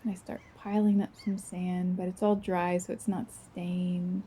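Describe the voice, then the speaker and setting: In a lowish, level voice, a woman leads a first-person guided visualization, speaking softly and breathily. She sounds gentle and dreamy, pausing at length without hurry.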